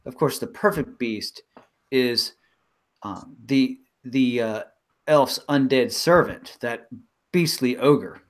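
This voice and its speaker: A man's voice: mid-range voice, natural voice. Man doing a shrewd old medicine woman. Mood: knowing. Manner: halting, full of ums, lecturing. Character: shrewd older female village medicine woman.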